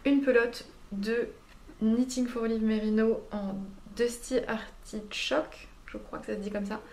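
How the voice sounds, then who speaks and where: A woman's voice: a little high, darkish tone. A woman chatting casually in her knitting vlog, talking easily with many fillers and self-corrections. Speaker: knitting vlogger. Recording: roomy echo, faint background hum.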